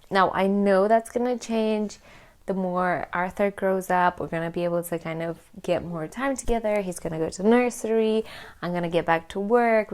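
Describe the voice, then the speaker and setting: A woman's voice: on the low side, a little mellow. A woman, chatting candidly to camera as a vlogger and laughing often. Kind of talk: casual chat to camera.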